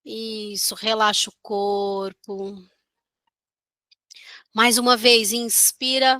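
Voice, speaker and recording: Slow, bright-voiced Brazilian woman guiding meditation soothingly. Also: on the high side, little pitch movement, no room sound, clean studio sound. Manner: soothing, gently instructing, with long pauses. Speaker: meditation guide. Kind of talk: guided meditation.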